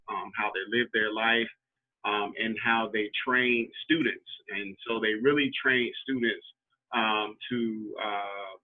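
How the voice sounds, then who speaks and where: A man in his thirties from Tampa, Florida, answering interview questions hesitantly, with many ums and false starts. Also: medium pitch. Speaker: interview guest. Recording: tinny phone-like line.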